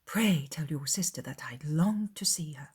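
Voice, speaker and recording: Period audiobook role: woman as fawning young lady of society, affected, flattering, effusive. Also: sits low, normal speed, slightly rough, exaggerated voice. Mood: gushing, flattering. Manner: gushing, affected.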